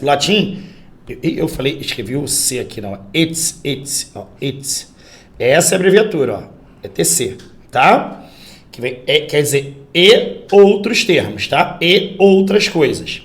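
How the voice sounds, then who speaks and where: A man with a Brazilian accent teaching an online grammar class, lively and emphatic, acting out example sentences. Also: on the high side. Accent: Brazilian Portuguese. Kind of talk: online exam-prep grammar lesson.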